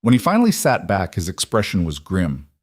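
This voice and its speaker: Man, story narrator, low voice, measured, dry close sound. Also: huge pitch swings, breathy edge, dry recording.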